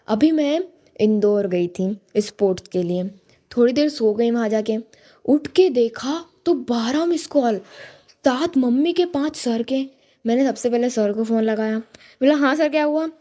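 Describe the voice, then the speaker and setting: A woman's voice: fairly high pitch, measured pace, dark tone. A teenage girl from India telling a chatty, exasperated stand-up story for a school radio show. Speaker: student stand-up performer. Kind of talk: stand-up comedy monologue.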